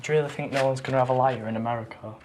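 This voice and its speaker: A man's voice: medium pitch, fairly even intonation, very fast, darkish tone, slight background noise. A teenage boy with a British accent in unscripted talk on a reality show. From United Kingdom. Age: teens.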